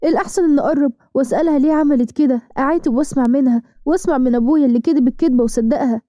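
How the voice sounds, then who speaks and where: A woman with an Egyptian accent voicing a gentle young woman who speaks softly and earnestly. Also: high voice, very fast, lightly acted.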